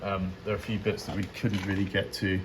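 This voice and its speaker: A man chatting casually in a garage workshop about restoring a car, relaxed and rambling as he explains plans. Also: low-pitched, a little fast, background noise. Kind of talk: casual chat while working on a car.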